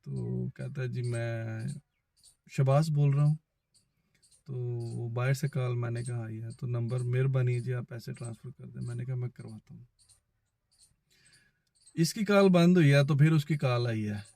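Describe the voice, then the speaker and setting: Speaking at normal speed with frequent pauses, a man with a creaky, mellow mid-range voice and a Pakistani accent tells a personal story in a casual vlog. He acts out both halves of remembered phone conversations as he goes. There is no echo.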